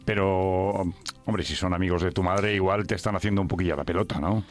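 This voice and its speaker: Bromista locutor de radio con acento de España. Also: male voice, sits low, fairly even intonation, a little fast, faint music behind. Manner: jokey, teasing, chatty. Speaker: radio host. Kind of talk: radio interview.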